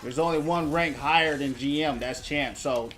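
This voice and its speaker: A man's voice: a little high, moderate pace, a bit bright, slight background noise. Heated man ranting on a stream. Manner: heated, repetitive, mocking. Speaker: game streamer. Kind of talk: ranting live stream commentary.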